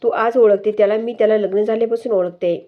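A woman's voice: medium pitch, fairly even intonation, quick pace, lo-fi sound, natural voice. A woman voicing a bossy young wife who scolds her husband, in a stern, commanding tone. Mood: complaining. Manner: stern, commanding, read out plainly.

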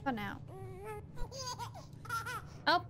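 A woman streaming a game, talking sarcastically to the characters as she plays. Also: drawn-out words. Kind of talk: casual gameplay commentary. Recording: loud game music behind. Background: game music.

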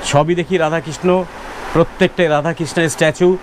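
A man hosting a walking street vlog in an outdoor city market, chatting with shopkeepers and speaking straight to his viewers in a lively way. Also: on the high side, fairly quick, background noise. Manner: lively, keeps addressing the audience directly. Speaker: street vlogger host.

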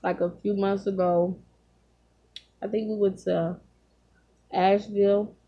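Lady doing story time while eating, mouth full, croaky husky voice, casual phone vlog. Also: mid-range voice, level tone, dark tone, lo-fi sound. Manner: talking with mouth full, pausing to chew. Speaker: vlogger. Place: small home room, indoors. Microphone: phone at arm's length.

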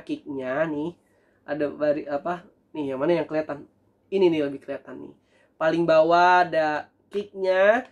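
A young guy filming a casual food review chats excitedly to the camera while sitting at a table in a small room. His pitch is on the high side.

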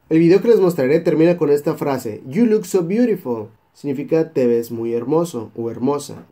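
A young Mexican man from Baja California Sur with a Mexican Spanish accent, teaching English phrases and slowly repeating each one for learners. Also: medium pitch, mellow. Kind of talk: English lesson for Spanish speakers.

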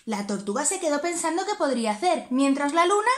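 A woman's voice: sits high, noisy background. Teacher lady reading a kids' story, sing-songy, swoops up and down a lot. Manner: animated, sing-song and expressive. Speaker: preschool teacher. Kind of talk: storytelling for small children.

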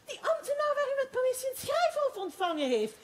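A woman acting an excitable gossiping townswoman in a stage play, rambling and breathless with giggles. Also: very high voice, quick pace, heavy background noise. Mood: excited gossip.

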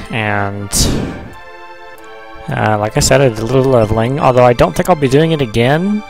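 A man's voice: medium pitch, normal speed, vocal fry. A man giving casual, rambling, joking commentary as he plays a video game. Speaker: let's player. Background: video game music.

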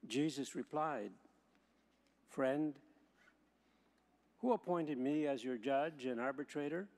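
A man, a priest, reading the gospel and preaching in a measured way, slowing to stress key words, with a long church echo around his voice. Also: mid-range voice, a little mellow. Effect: long church hall echo. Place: large church. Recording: long reverb of a large church.

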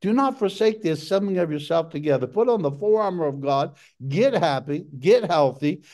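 High-voiced impassioned male preacher. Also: animated, normal speed, darkish tone. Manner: impassioned preaching, jumps to a high pitch for emphasis. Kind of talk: sermon.

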